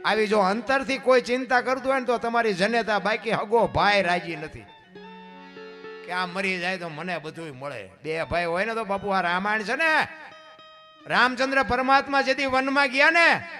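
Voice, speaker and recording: High-voiced storyteller preaching over guitar. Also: male voice, normal speed, bright, forceful tone. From Gujarat, India. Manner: preachy, swelling into impassioned declamation. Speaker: folk storyteller. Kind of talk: live devotional storytelling talk. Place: stage before a seated audience. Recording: live talk over guitar music. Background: guitar music.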